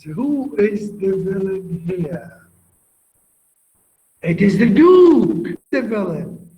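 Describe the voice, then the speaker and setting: A man with an Iraqi accent, Arabic his first language, giving a university literature lecture, slowly repeating himself and quizzing students by name. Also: high voice. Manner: slow, repetitive, questioning students by name. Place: classroom. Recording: echoey lo-fi classroom recording.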